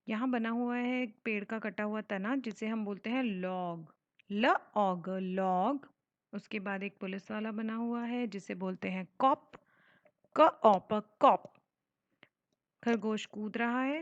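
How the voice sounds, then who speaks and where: A woman teaching children to read, sounding out simple words slowly letter by letter in a phonics lesson. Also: fairly high pitch, dry recording. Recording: dull lo-fi sound.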